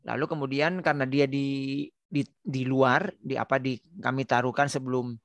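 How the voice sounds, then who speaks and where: A middle-aged man, a pastor, talking through a story in casual sermon-like chat, with many pauses, restarts and fillers. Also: medium pitch, little pitch movement, dry recording, dull audio. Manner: hesitant, many restarts and fillers, tells stories.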